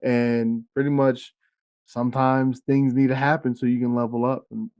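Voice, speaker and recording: A man hosting a casual music interview, relaxed and agreeable, often saying "pretty much". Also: mid-range voice, normal speed, no room sound. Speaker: podcast interviewer.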